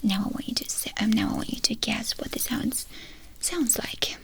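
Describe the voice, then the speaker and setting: A woman performs a fast ASMR whispered role-play as a medical examiner. Her whisper is breathy and crackles with fry. She gives brisk, clipped instructions and questions in quick succession. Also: a little high, fairly bright tone.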